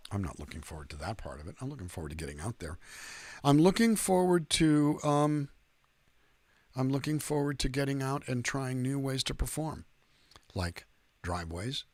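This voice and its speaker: A man's voice: medium pitch, animated, moderate pace, long pauses, no echo. A middle-aged man, a singer-songwriter hosting a livestream, chatting casually in a rambling, self-deprecating, joking way.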